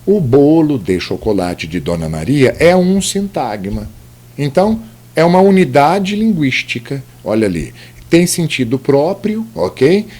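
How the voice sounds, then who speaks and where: A man's voice: a little high, sing-song, a little slow, a little mellow. A man teaching grammar over slides, explaining step by step with many tag questions. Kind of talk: recorded slide lecture.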